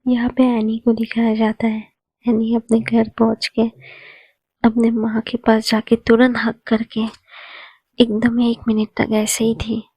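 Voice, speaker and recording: A woman narrates a story in a plain, steady reading. Her pitch is somewhat high but stays flat, and the tone is mellow. The recording is dry and close to the mic. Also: breathy edge, dry recording.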